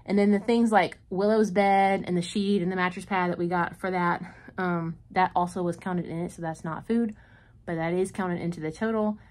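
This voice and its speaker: A woman's voice: on the low side, steady tone, moderate pace, a little mellow. Chatty woman tallying grocery savings. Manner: chatty, tallies prices and savings aloud. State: out of breath. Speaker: vlogger. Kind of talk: casual shopping haul vlog.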